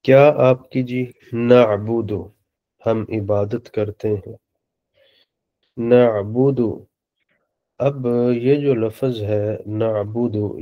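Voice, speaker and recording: A man teaching a beginner Arabic lesson, speaking slowly and patiently and repeating words for his students. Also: medium pitch, dark tone. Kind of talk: online lecture in Urdu.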